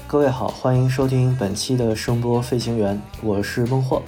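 A man's voice: mid-range voice, steady tone, normal speed, over music. A man hosting a casual podcast chat in a wry, self-mocking way. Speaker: podcast host.

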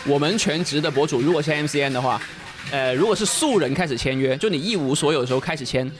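A man's voice: on the high side, quick pace, noisy background. A man from Guangzhou speaking Mandarin with a light Cantonese accent, explaining things in a casual podcast chat as a guest. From Guangzhou, China. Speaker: guest, full-time short-video creator.

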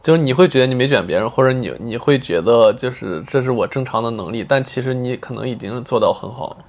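A man's voice: mid-range voice, lively intonation, quick pace. A man hosting a podcast, chatting with his guest and agreeing often. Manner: eager back-channel agreement. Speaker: podcast host. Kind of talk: podcast conversation.

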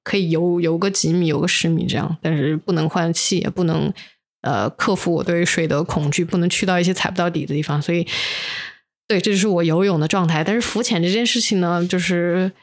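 This woman's fairly low voice keeps a fairly even intonation and runs a little fast. She's a podcast co-host from inland China, under the weather, casually telling personal stories in Mandarin laced with English words.

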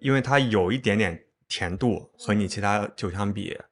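Low-pitched man hosting a casual chat. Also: moderate pace, fairly bright tone. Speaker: interviewer, podcast host.

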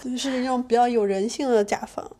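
A woman's voice: on the high side, fairly even intonation, fairly quick, dark tone. A young woman chatting as a podcast guest, laughing often, swearing casually and acting out what others said. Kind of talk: casual chat.

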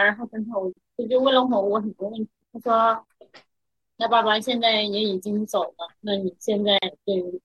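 A woman's voice: a little high, husky, lo-fi sound. A woman, a podcast guest, telling a personal story in casual conversation, moving between tears and laughter. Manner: tearful storytelling that breaks into laughter.

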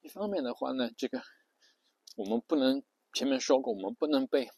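A man's voice: medium pitch, lively intonation, a little fast, creaky, darkish tone, no room sound. Chatty man giving a spoken lesson. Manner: chatty, many fillers and rhetorical questions.

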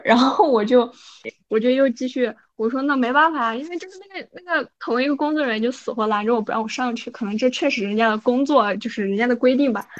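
A woman co-hosting a podcast, telling a story in a casual, animated way and often checking in with her listener. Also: a little high, lo-fi sound. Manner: animated, frequent "你知道吧" asides. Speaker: podcast co-host.

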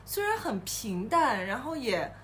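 A woman's voice: fairly high pitch, very animated, measured pace, fairly bright tone, a little hiss or hum. A woman co-hosting a podcast, speaking in an earnest, heartfelt way in casual chat. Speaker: podcast co-host. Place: hotel room.

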